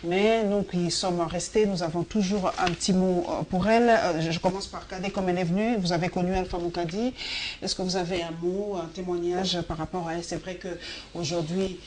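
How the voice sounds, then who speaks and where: A woman hosts a talk panel. She interjects with brisk follow-up questions, and there is crowd chatter behind her. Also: on the low side, fairly even intonation. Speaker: talk show host. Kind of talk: moderating a panel.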